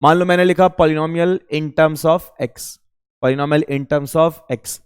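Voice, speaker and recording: Fairly high-pitched and smooth, this man's voice stays fairly even as he takes his time through a maths lesson for entrance-exam students. He talks to them informally, raising questions aloud and supplying the answers. The classroom sounds reverberant.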